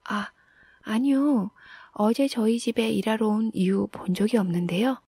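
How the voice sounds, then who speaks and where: A woman narrator doing a rich young widow in a folktale, startled and curious, pitched high. The tone is a little husky and recorded close and dry. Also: a little slow, warm tone, dry recording. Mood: evasive.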